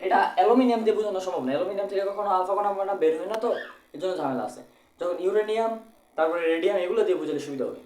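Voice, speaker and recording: A man's voice: high-pitched, darkish tone. A male tutor with a colloquial Bangladeshi Bengali accent races through an exam-prep physics lesson, repeating each point and firing questions he answers himself. His voice sits in the middle range and rings in an echoey room. A faint hiss runs behind him. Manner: repeats phrases, asks and answers own questions.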